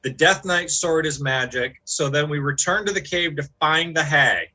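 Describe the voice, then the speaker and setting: Bright-voiced man recapping a game. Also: on the high side, poor audio. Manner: lively, storytelling, animated. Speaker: player giving the recap.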